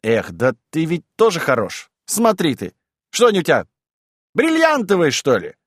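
A man voicing a polite, scheming middle-aged gentleman who talks evasively and with wounded dignity in an audiobook reading. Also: fairly high pitch, wildly swooping pitch, moderate pace, breathy edge, no room sound, studio quality, voice pushed up, exaggerated voice. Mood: wheedling.

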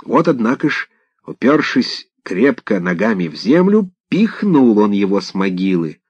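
A man reads a folk tale aloud with a dramatic, expressive delivery, his pitch swinging widely. His voice is low and husky. The recording is dry and dull, with a lo-fi sound. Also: measured pace, dry recording. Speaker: narrator. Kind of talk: scripted storytelling narration.

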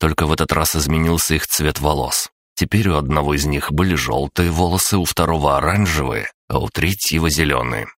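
A man narrating a first-person fantasy audiobook with a wry, even delivery. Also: very deep voice, fairly quick, few pauses, no echo, studio quality.

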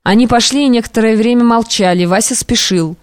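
A woman narrating classic prose for an audiobook in a measured, even manner. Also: fairly high pitch, smooth, no room sound, clean studio sound.

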